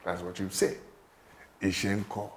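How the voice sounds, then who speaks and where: A man's voice: deep voice, little pitch movement, measured pace, slight background noise. A man teaching greetings, coaxing his student to repeat after him in a playful way. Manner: coaxing, playful, mixes English and Yoruba. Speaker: language teacher.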